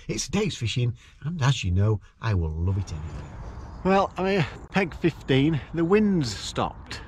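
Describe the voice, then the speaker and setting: Beside a lake, a middle-aged angler vlogger chats casually to camera about his plans. His voice is mid-range, with slight background noise.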